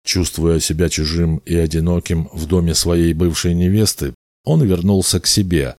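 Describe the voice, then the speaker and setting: A man reading a fairy tale aloud as an audiobook narrator, in a measured storytelling manner. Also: low-pitched, fairly even intonation, a little mellow, no echo, studio quality. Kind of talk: scripted narration.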